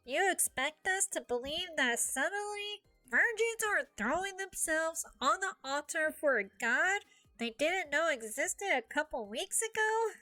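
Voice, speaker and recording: A pinched, nasal male god hurls suspicious questions, as a woman reader puts him on. The voice sits high and moves slowly. Faint music plays underneath. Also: lively intonation, sharp tone, dry recording, exaggerated voice. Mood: accusing.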